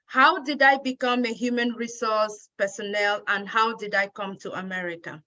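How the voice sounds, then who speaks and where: A woman's voice: mid-range voice, steady tone, moderate pace, sharp tone, muffled recording. A woman from Cameroon giving an earnest, grateful personal speech at a women's day event.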